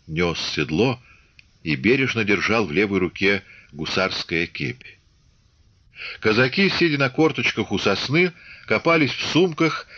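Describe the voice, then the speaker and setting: A man with a fairly low voice narrates the story in a measured, even literary style. The audiobook recording is dull and lo-fi, with the top end rolled off. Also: dry recording. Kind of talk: scripted narration.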